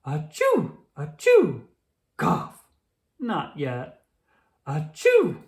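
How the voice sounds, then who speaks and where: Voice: medium pitch, big pitch swings, measured pace, voice pushed up. A narrator voicing a poorly, plaintive little boy pony with the sniffles in a children's storybook. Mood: sniffly. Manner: pretend sneezes, sniffs and coughs, plaintive. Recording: roomy echo.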